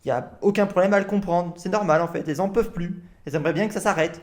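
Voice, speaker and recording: Reaction host, indignant and repetitive, mid pitch, argues with the clip on screen. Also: quick pace. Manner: repetitive, indignant, swears a lot.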